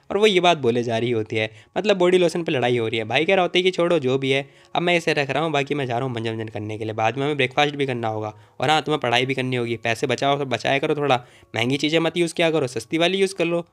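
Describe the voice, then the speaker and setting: Male recap narrator, quick and slightly high-voiced, chatty storyteller who keeps joking with listeners. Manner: chatty, jokey asides to the audience.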